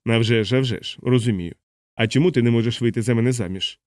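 A man's voice: medium pitch, fast, darkish tone, no room sound, lightly acted. A male audiobook reader voicing a lovestruck young soldier who keeps pressing his question, in a dry recording. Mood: persistent.

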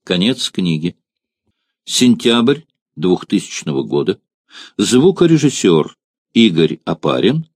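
A man reading an audiobook as narrator in measured, expressive storytelling. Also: deep voice, dry recording. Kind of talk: scripted narration.

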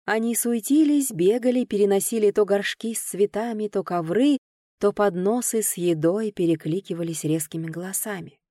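A woman reads a first-person novel aloud with lively, expressive storytelling. Her voice is warm and mellow in the middle range. The recording is dry and close. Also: mid-range voice, moderate pace, no room sound. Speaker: audiobook narrator. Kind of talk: first-person audiobook narration.

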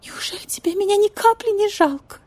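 A woman voicing a capricious, pampered female Persian cat with a squeaky, pleading voice. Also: a little fast, darkish tone. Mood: whiny.

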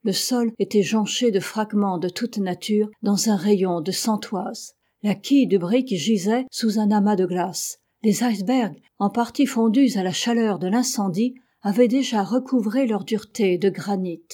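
Mellow woman reading an audiobook. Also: medium pitch, normal speed, few pauses. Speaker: audiobook reader. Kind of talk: literary audiobook narration.

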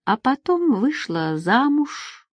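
Female narrator as a quietly bitter married woman, soft and anxious, mid pitch. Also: sing-song, unhurried, no room sound, dull audio. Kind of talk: audiobook character voice.

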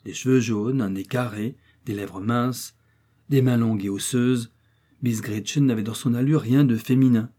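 A man reading a novel aloud as narrator, in a measured, expressive storytelling manner. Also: mid-range voice. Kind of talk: audiobook reading.

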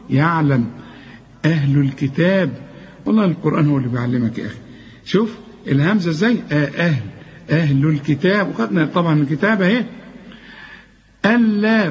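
A man's voice: high voice, muffled recording, a little hiss or hum. A man with an Egyptian accent teaching Quran recitation, coaxing his students and repeating words to correct their pronunciation. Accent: Egyptian Arabic. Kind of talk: tajweed lesson.

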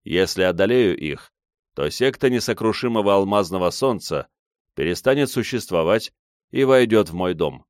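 A man voicing a young clan head who speaks in a flat, indifferent, commanding tone. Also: low-pitched, moderate pace, no room sound, studio quality. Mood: cold. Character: cold young male clan head, calm, steely.

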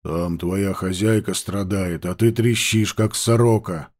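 A man's voice: unhurried, a little mellow. A male reader voicing a grim, irritable tracker who speaks in short, growling replies. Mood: gruff. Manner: terse, low and growling. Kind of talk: audiobook character voice.

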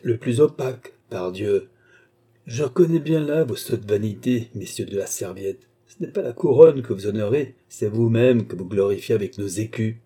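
A man's voice: mid-range voice, mellow, breathy edge. A man voicing a proud, imperious marshal of eighty-eight who scolds his servant in haughty, curt orders, read as an audiobook character.

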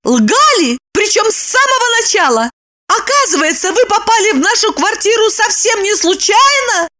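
A woman voicing an excitable, indignant young woman in an audiobook, with a squeaky, shrill, insistent delivery. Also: moderate pace, heavily acted. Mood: furious. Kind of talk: audiobook character reading.

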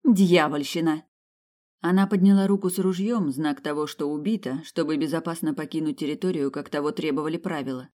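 Even, measured audiobook narrator. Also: medium pitch. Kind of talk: scripted narration.

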